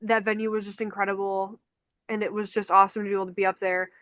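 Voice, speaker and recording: Speaking fast in a medium pitch, a young Chicago woman co-hosts a podcast and shares stories in relaxed conversation, performing each quote. She's a concert photographer with a local accent, recorded in studio quality with no room sound.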